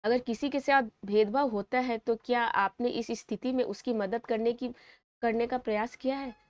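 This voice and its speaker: A woman's voice: on the high side, steady tone, moderate pace, dry recording, highs cut off. A woman teacher with a Bihari Hindi accent explaining a school lesson, repeating points and checking in with her students. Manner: repetitive, coaxing, checks with "ठीक है".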